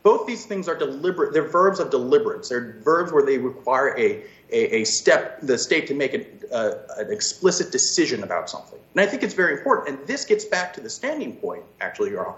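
A man's voice: mid-range voice, sing-song, a little fast, few pauses, fairly bright tone. A man arguing as an attorney, explaining his points emphatically in formal oral argument. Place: echoey room on a virtual hearing. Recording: echoey, dull video-call audio.

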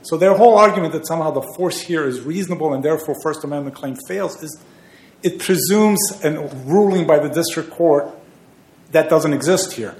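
Male attorney, higher-pitched, earnest and emphatic oral argument, recorded in a reverberant courtroom. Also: fairly quick, darkish tone. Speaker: appellate attorney. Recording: echoey courtroom.

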